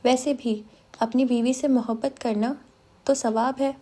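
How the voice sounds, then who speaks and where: A playful young man who teases and prods his friend, as a woman narrator puts him on. The voice is high and mellow. He talks in a lively, joking way. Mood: teasing. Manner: teasing, playful.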